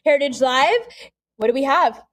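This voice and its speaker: Calling live bids at a brisk clip, a woman auctioneer with a high voice and lively intonation keeps up a repetitive chant, spurring bidders along with chatty remarks in between.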